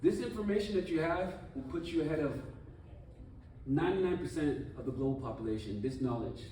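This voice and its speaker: Male speaker, conference talk, lively and chatty, fairly high voice, heard from a distance in a reverberant hall. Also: a little fast, slight background noise. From United States. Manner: animated, conversational, rhetorical questions. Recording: echoey room, from far off.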